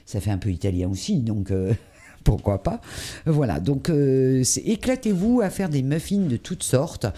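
A man's voice: mid-range voice, big pitch swings, unhurried, warm tone. A man hosting a cooking show, talking through a recipe with many hesitations and fillers. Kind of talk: live cooking demonstration.

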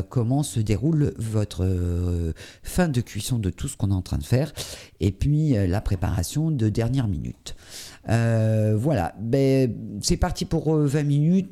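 A man's voice: medium pitch, mellow. A man hosting a cooking show, talking through a recipe with many hesitations and fillers. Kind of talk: live cooking demonstration.

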